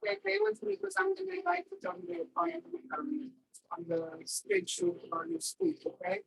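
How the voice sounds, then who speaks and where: A woman's voice: very high voice, fairly even intonation, moderate pace, creaky, distant mic. A woman professor teaching an online class over a computer mic, patiently coaxing a student step by step, her voice muffled as if heard through a wall. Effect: muffled voice, as if through a wall, from noise-canceling software. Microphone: computer mic on a video call.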